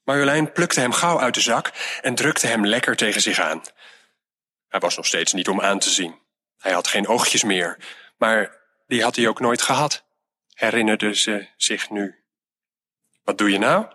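A man calmly reading a children's storybook aloud in an even narrating voice. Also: lowish voice, a little slow.

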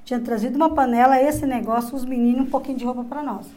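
A middle-aged woman, a guest on the show, tells a personal story in casual conversation. Her voice is high and quick, and she's animated, acting out other people's voices and dropping to whispers.

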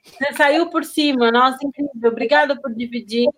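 A Brazilian woman hosting an interview, her voice high and bright. She reacts with enthusiasm and expressive praise. Her talk is casual and chatty. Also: moderate pace. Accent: Brazilian Portuguese. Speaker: podcast host.

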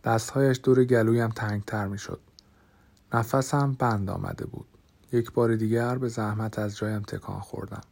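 A man narrating a first-person audiobook in a measured, dramatic way, sometimes dropping to a hush. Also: on the low side, steady tone, creaky.

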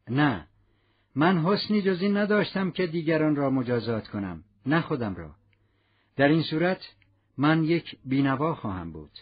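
A man voicing a stern, rigid male police inspector who speaks gravely and formally in an audiobook. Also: on the high side. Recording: dull lo-fi audio.

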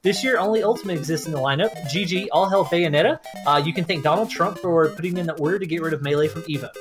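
A man co-hosting a podcast, reading a gaming news rundown in a deadpan voice full of sarcastic asides. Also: a little high, fast talker, over music.

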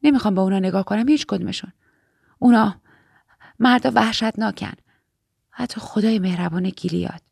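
A woman's voice: mid-range voice, creaky, pauses often, a little mellow, breathy edge, no echo, clean studio sound. A woman reading aloud and voicing an anxious, devout young woman who speaks earnestly and fearfully.

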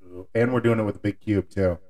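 A man co-hosting a podcast, chatting in a relaxed, easygoing way. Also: lowish voice, fast talker. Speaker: podcast co-host. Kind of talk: casual chat.

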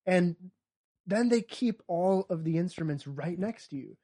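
A man co-hosts a podcast in a high-pitched, animated voice with a dark tone and a measured pace. He chats casually and jokes wryly while acting out comedy bits.

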